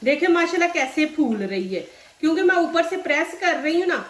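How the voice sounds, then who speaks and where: Very high-pitched and a little fast, this woman's voice swings widely in pitch, and the distant recording carries an echo from the room. She hosts a cooking demo in her home kitchen with a Pakistani Urdu accent, chatty and instructive and peppered with religious phrases.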